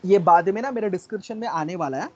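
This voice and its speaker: In a dull lo-fi recording, a man with a high-pitched voice talks fast while teaching a lecture class. He explains things step by step, repeats key terms and promises his students a quiz later.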